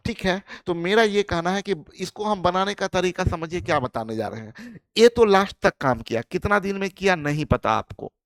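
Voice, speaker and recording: A man's voice: sits high, lively intonation, normal speed, few pauses, dry recording, studio quality. A man teaching a live online maths class, explaining each step and often asking the class whether they follow. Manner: explains step by step, often asks the class "yes or no", calls students "friend".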